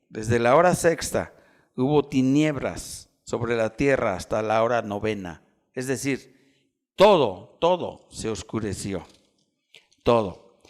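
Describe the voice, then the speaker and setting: A man preaching a sermon as pastor, acting out voices and swinging from loud cries to near whispers. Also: medium pitch.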